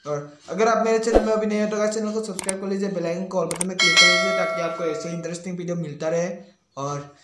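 A young man making a comic roast video, rambling excitably, cursing, and saying "yaar" at every turn. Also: high voice, fast, heavy background noise. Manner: rambling, excitable, swears, says "yaar" constantly. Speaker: YouTube creator. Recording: echoey room.

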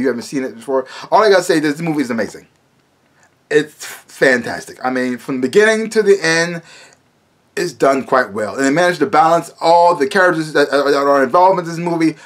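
Recorded in a small home room, a thirtysomething American man with a somewhat high voice delivers an emphatic, casual film review to camera, frequently saying things twice.

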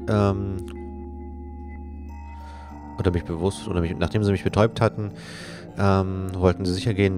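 A man doing a let's play, reading a story aloud as he translates it, haltingly and correcting himself. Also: low voice. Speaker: let's player reading and translating a visual novel. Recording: game music faintly behind. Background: faint game soundtrack.

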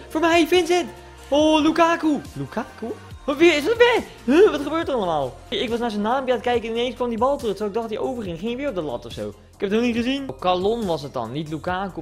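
A young man commentating his own football video game play, excitable and swinging between low mutters and loud shouts. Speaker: gaming YouTuber. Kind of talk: live gameplay commentary.

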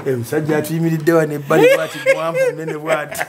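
A middle-aged man co-hosting a TV talk show, telling stories in a lively way and laughing often. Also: a little high, very fast, very noisy. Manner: animated storytelling, frequent laughter. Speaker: TV show co-host. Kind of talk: casual chat. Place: TV studio.

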